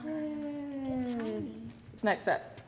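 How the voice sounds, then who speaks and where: Speaking extremely slowly in a high-sitting voice, a woman instructs students in lighting design through a hands-on demonstration. She stays informal and good-humored, often correcting herself, while the echoey hall adds background noise.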